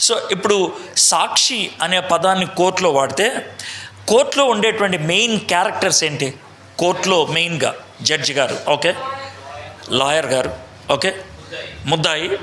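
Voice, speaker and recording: A man's voice: high voice, lively intonation, normal speed, pauses often, bright, forceful tone, echoey room, a little hiss or hum. A man teaching a Bible lesson to a meeting, quizzing the audience and mixing in English phrases. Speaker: preacher. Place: large meeting hall.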